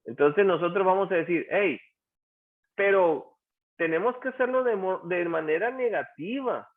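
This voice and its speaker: Over tinny audio that sounds like a phone call, an English teacher with a high-sitting voice works through grammar examples with his online class at a moderate pace. He patiently poses questions and echoes the answers back.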